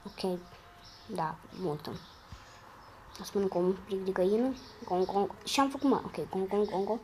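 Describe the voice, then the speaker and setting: A woman with a hoarse voice giving casual, slangy gameplay commentary, muttering to herself between sudden loud outbursts. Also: medium pitch, a little hiss or hum. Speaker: gamer.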